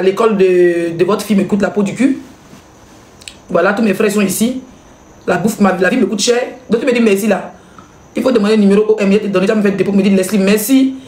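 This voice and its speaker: A woman's voice: medium pitch, darkish tone, echoey room. A woman blogger, hosting a live stream and commenting in a mocking, laughing way. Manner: mocking, laughing, rapid back-and-forth with viewers.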